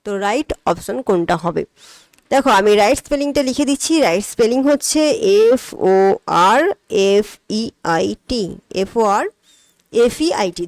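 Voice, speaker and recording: A fairly high-voiced woman talks through exam questions as a tutor. She asks questions and answers them herself, slowing right down whenever she reads out the English sentences. The recording is dry and close, with no room sound. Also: dry recording. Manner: explains step by step, asks and answers her own questions, reads English items slowly. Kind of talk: spoken exam-prep lesson.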